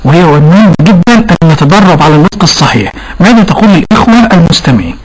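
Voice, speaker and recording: Male radio host, deferential, very quick speech, high voice. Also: big pitch swings, low-quality recording. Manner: deferential, addresses the guest with honorifics. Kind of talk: hosting a religious radio program.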